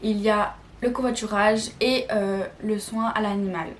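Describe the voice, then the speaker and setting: A woman's voice: mid-range voice, steady tone, moderate pace, slight background noise. A seventeen-year-old girl with a French accent talking casually to camera, chatty and giggly, full of fillers and restarts. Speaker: vlogger.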